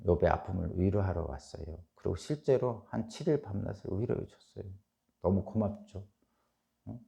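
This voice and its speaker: A middle-aged male pastor with a Chungcheong accent, giving an early-morning sermon in an animated preaching manner that swings from loud peaks to soft asides. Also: low-pitched, creaky. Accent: Chungcheong Korean. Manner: animated preaching, voicing Job's laments, rising loud then dropping soft.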